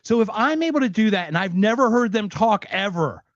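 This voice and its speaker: A man's voice: sits high, expressive, a little fast, no echo, dull audio. A man co-hosting a podcast, ranting with anger and exasperation, swearing constantly. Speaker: podcast co-host. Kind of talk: profane ranting commentary.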